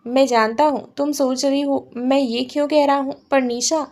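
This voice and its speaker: Woman doing a grave hurt young man, storybook drama, high voice. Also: fairly even intonation, moderate pace, darkish tone. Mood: bitter.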